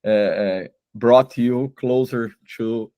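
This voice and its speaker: A man's voice: medium pitch, slow pace, clean tone, no room sound, lo-fi sound. Male host, friendly questions, phrasing, dry close sound. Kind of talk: interview hosting.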